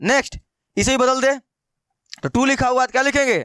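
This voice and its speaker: A man's voice: extremely high pitch, a little fast, bright, forceful tone, clean tone, no room sound, studio quality. A man teaching maths in a casual, chatty way, repeating questions to his students and calling them brother. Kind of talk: casual Hindi maths lesson.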